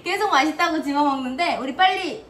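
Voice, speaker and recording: A woman's voice: sits high, fairly quick, fairly bright tone, slight background noise. A mother hosting a home vlog, coaxing and praising her children through a task and reading product details in between. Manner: coaxing, sing-song praise to kids. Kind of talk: casual instructions to children mixed with product narration.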